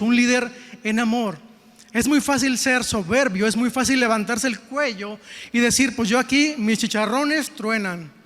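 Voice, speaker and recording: A man's voice: very high voice, a bit bright. A Mexican man preaching a sermon in an event hall, folksy and emphatic, often putting questions to his listeners. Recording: long reverb in an event hall.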